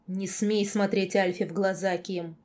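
A woman voicing a stern, commanding werewolf lord in an audiobook, speaking in a measured, subdued way. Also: mid-range voice, fairly even intonation, darkish tone, lightly acted. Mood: cold, probing. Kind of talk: audiobook character voice.

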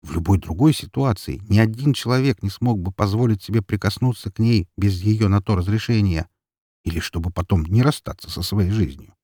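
A man narrating an audiobook in a dramatic, expressive reading. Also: fairly low pitch, a little fast, no echo, clean studio sound.

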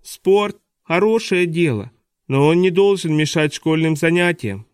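A man's voice: fairly high pitch, animated, measured pace, smooth, no room sound, studio quality, pitched above the performer's own voice. A man voicing a meek, reasonable male teacher who mildly protests, in an audiobook. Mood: protesting. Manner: mild, protesting. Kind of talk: audiobook dialogue reading.

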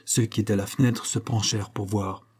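A man reading a story aloud in measured narration, raising his voice for the characters' quoted lines. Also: on the low side, fairly even intonation, darkish tone, breathy edge. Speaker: audiobook reader. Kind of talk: scripted narration.

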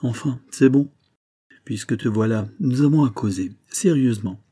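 A man's voice: medium pitch, moderate pace, warm tone, slightly rough, no room sound, clean studio sound, close to an everyday voice. A man voicing a vain, blustering older banker who lectures his son in a familiar, exasperated tone. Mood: reproachful. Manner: familiar, then scolding and exasperated.

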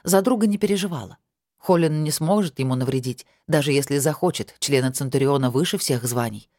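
A woman reading a first-person fantasy novel aloud in an even, measured storytelling manner. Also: a bass voice, no echo, studio quality. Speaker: audiobook narrator.

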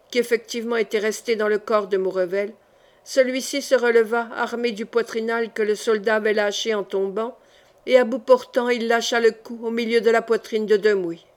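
Woman reading an old novel, measured and dramatic, kinda high voice. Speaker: audiobook narrator. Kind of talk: scripted narration.

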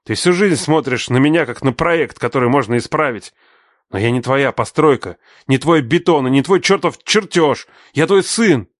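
A man's voice: on the low side, fairly quick, dry recording, clean studio sound, close to an everyday voice. A man voicing a grown son who answers his father with terse, bitter retorts in an audiobook reading. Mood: defiant. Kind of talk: audiobook narration.

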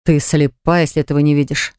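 A man's voice: a little high, level tone, fast talker, darkish tone, smooth, no room sound, clean studio sound, close to an everyday voice. A man voicing a jealous young ex-fiancé who pleads earnestly to win her back, in an audiobook. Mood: pleading. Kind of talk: audiobook dialogue reading.

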